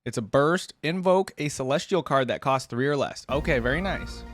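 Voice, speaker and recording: Here a man hosts a reaction video, chatting enthusiastically and conversationally to viewers he calls "guys." His mid-range voice is animated, moderately paced and fairly bright in tone, with music playing in the background.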